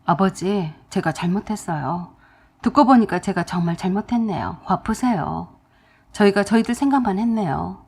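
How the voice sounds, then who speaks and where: A woman's voice: mid-range voice, animated, normal speed, gravelly, a little mellow, slightly rough. A woman voicing a callous middle-aged brother-in-law with an annoyed, dismissive tone in a story radio drama. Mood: apologetic.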